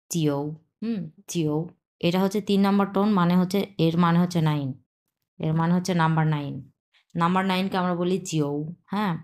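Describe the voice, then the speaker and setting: Woman teacher, lowish voice, patient lesson delivery, repeats each sound to model it. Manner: mixes English words into Bengali. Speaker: language teacher. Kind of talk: explanatory language lesson.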